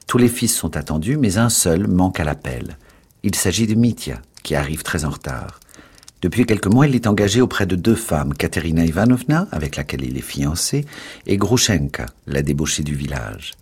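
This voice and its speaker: A man presenting a classic novel and reading its narration in a measured, dramatic way. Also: low voice, darkish tone, slightly rough. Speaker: book programme presenter.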